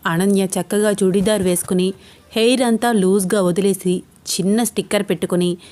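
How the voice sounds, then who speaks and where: A woman narrating a romantic audio story in a steady, expressive reading. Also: mid-range voice, moderate pace.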